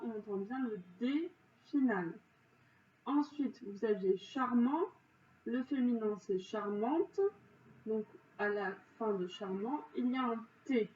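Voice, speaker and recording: Going over pupils' spelling exercises, a teacher with a slightly high, warm voice explains every answer with careful patience, pausing often and filling gaps with "donc" and "euh." The audio sounds dull, roomy and distant, with a faint hiss.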